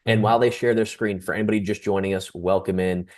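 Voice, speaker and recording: An upbeat male co-host welcomes viewers on a video call. His voice is very low. He keeps things moving while the guests share their screen. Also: steady tone, fast. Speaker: webinar co-host.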